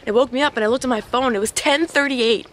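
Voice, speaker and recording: A young woman vlogging in a casual, chatty way, hoarse from a cold and quick to laugh at herself. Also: a little high, a little hiss or hum. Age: young adult. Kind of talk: casual vlog chat to camera.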